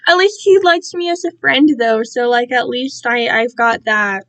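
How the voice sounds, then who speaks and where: This is a young woman livestreaming from her room by herself, rambling casually to viewers with slangy tangents and self-mocking remarks. She speaks at normal speed in a fairly high, slightly bright voice.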